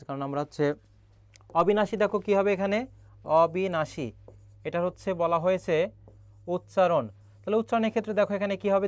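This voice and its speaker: In this dry recording, a young male admission-prep tutor teaches grammar over a livestream, his voice pitched rather high for a man. He repeatedly quizzes his audience and reads their comments back. The sound is close, with nothing of the room around it.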